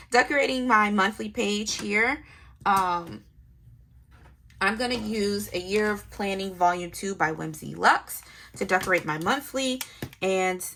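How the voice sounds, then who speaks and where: Casually narrating her budget planner setup, a young woman planner vlogger thinks aloud and mutters numbers to herself. Her voice is medium-pitched, bright and forceful, with slight background noise.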